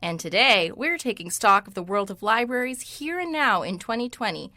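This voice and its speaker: A young woman co-hosting a student radio show, reading a scripted segment in a brisk, wry way. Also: medium pitch, lively intonation, pushed and bright, dry recording. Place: radio studio.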